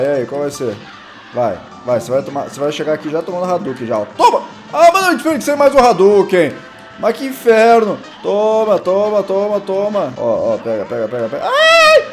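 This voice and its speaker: Young brazilian dude yelling through a boss fight, self-mocking, light game music behind. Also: male voice, high voice. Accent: Brazilian Portuguese. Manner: excitable, yelps and exclaims constantly, self-mocking. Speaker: gaming channel host. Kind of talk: live gameplay commentary. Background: faint game music.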